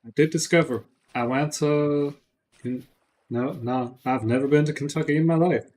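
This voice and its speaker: A man's voice: a little high, normal speed, a little mellow, a little hiss or hum. A man giving casual gameplay commentary on a livestream, thinking aloud and joking with his chat. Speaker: streamer.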